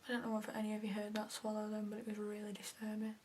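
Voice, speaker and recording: A woman's voice: medium pitch, completely flat delivery, fast, a little mellow, slight background noise. A young woman chatting through a makeup tutorial, filling her talk with "like" and often dropping to a half-whisper. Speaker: makeup vlogger. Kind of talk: casual makeup tutorial chat.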